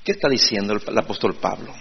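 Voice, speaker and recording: A man's voice: fairly low pitch, animated, fast talker, creaky, slight background noise. A man preaching a conversational sermon, often calling listeners brother and adding tag questions. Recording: dull lo-fi sound with long hall reverb.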